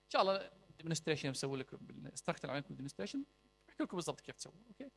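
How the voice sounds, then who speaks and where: Guy teaching a med class, high voice, keeps quizzing students, drops english terms. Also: sing-song, rapid-fire, gravelly, a bit bright, a little hiss or hum. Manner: quizzing students with rhetorical questions, mixing English medical terms. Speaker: medical lecturer. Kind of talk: clinical teaching lecture.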